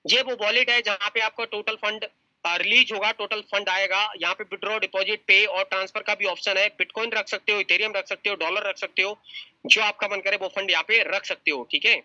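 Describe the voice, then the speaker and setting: A male presenter walks viewers through an investment plan in a persuasive, salesy tone, constantly calling them sir and friends. His voice is cutting and bright, recorded dry and close with a slightly muffled, lo-fi quality. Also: high voice, steady tone, moderate pace, no room sound. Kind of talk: screen-share plan review.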